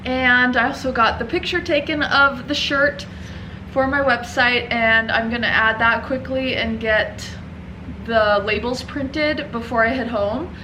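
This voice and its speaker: A woman's voice: fairly high pitch, steady tone, unhurried, sharp tone, slight background noise, rough recording. Chatty, upbeat woman vlogging. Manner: chatty and upbeat, laughs often. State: out of breath. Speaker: vlogger and small business owner. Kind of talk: casual chat to camera. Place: her print shop, indoors.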